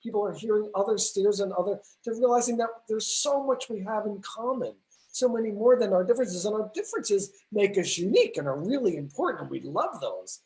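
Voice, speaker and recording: A woman's voice: mid-range voice, animated, brisk, mellow, rough recording. A woman hosting a live-stream video chat, effusive and gushing with praise. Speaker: host.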